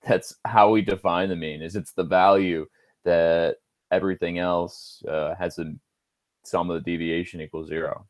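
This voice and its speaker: Male instructor, low voice, dry close sound, casual screen-recorded homework walkthrough, thinks aloud with offhand jokes. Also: fairly even intonation, moderate pace, no echo.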